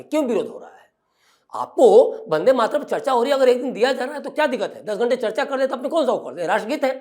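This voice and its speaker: A male political commentator on a television news panel. He argues emphatically, piling up points and rhetorical questions in a pointed, forceful delivery. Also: very high voice.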